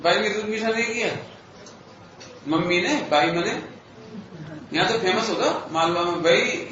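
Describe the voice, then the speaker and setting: A man giving a philosophy lecture to a live audience, explaining slowly and deliberately, questioning his listeners in a playful, teasing way. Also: high voice, noisy background. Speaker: religious lecturer. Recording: echoey hall, slightly dull audio.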